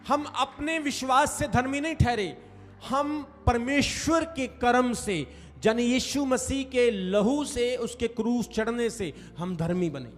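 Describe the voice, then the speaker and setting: In a reverberant hall with faint music behind him, a pastor with an extremely high-pitched voice preaches slowly to his congregation. He stresses and stretches key phrases and calls for responses.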